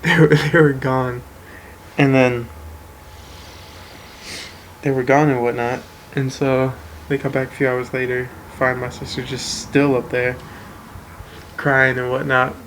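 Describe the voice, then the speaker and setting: A man's voice: mid-range voice, fairly bright tone, a little hiss or hum, rough recording. A man hosting a gaming video, casually telling a rambling, profane childhood story and often saying "and whatnot". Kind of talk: casual storytelling over gameplay.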